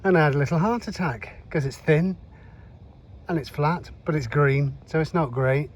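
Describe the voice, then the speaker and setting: A man chatting casually to camera as he metal detects in a pasture field, self-deprecating and quick to exclaim. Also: fairly high pitch. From United Kingdom. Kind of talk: casual self-filmed commentary. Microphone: chest cam or handheld camera.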